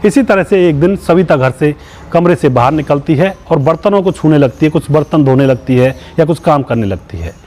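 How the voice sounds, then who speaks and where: Male channel host, somewhat high voice, narrates a true crime case straight to the audience, keeps calling them friends and moralizes. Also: expressive, normal speed, dark tone. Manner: keeps addressing viewers as friends; moralizing, asks viewers for opinions. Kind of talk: retelling a true crime story to viewers.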